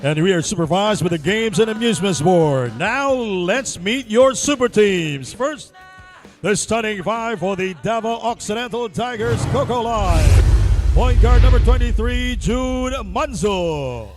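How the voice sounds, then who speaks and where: High-pitched male arena announcer, showy. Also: expressive, measured pace, music in the background. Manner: showy ring-announcer delivery with stretched-out names. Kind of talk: arena announcing of team line-ups. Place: sports arena public address.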